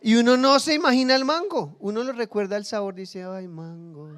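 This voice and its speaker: A man's voice: extremely high pitch, animated, brisk, fairly bright tone, smooth. A man preaching a sermon as pastor, humorous and acting out everyday scenes in little quoted voices.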